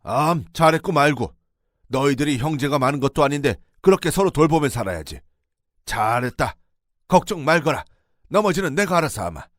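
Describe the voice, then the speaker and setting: A man voicing an older, fiercely protective father-in-law who gives orders in booming shouts. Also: expressive, a little fast, no echo, studio quality, lightly acted. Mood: reassuring.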